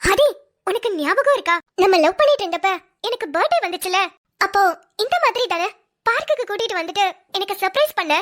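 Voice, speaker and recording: A woman's voice: very high voice, lively intonation, fairly quick, fairly bright tone. A woman voicing a jealous young ex-girlfriend in a cartoon, whiny and pleading. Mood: wistful. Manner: whiny, pleading, self-pitying. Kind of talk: cartoon dialogue.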